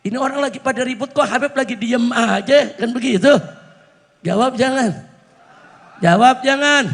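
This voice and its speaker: A man's voice: very high voice, a bit bright. A man giving a sermon-style speech, rhetorical and repetitive, asking the crowd to answer him. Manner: rhetorical, repeats lines and asks the crowd to answer. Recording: long reverb of a large hall.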